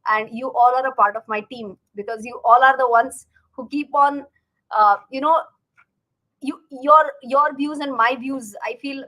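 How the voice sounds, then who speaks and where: Indian lady finance teacher chatting live to her viewers, voice a bit high, repeats words for emphasis. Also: pushed and bright, low-quality recording. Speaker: host, finance educator. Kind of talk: casual livestream talk to viewers.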